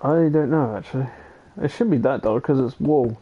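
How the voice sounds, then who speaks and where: A man's voice: mid-range voice, normal speed, husky. A man streaming a game with a friend, chatting casually and chuckling as he thinks aloud. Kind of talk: casual gaming chat. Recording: dull lo-fi stream audio.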